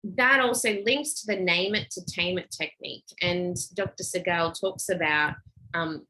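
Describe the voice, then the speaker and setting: With a fairly low pitch and sharp tone, a middle-aged woman talks casually about parenting and emotional intelligence at a measured pace. She chats conversationally and voices quoted dialogue in a lifted tone, though the audio quality is poor.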